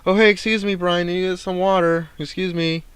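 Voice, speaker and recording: A man's voice: high voice, fairly even intonation, fast talker, a bit bright, clear, resonant tone, no room sound, voice pushed up. A man mimicking a fussy roommate who keeps politely interrupting, in a sing-song tone.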